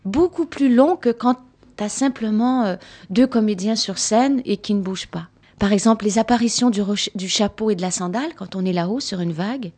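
A Canadian stage actress answers children's questions after a show, patiently explaining theatre work and repeating words for emphasis. Her voice is mid-range with a darkish tone.

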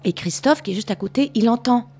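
A woman's voice: on the high side, animated, brisk, warm tone. A woman from Canada, a stage actress patiently explaining theatre work to children and repeating words for emphasis. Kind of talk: answering children's questions after a show.

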